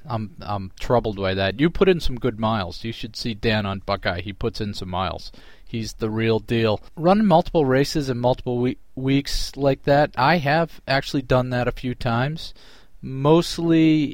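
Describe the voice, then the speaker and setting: A man's voice: mid-range voice, dry recording, clean studio sound. A man hosting a podcast, chatting and giving advice to a listener in a joking way. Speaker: podcast host. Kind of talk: casual listener-mail chat.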